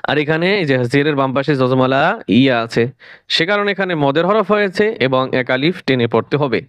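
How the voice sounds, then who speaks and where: A man teaching Quran reading, spelling out each syllable and then drawing the whole word out slowly. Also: medium pitch, expressive, a bit bright, smooth, dry recording. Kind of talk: recorded recitation lesson.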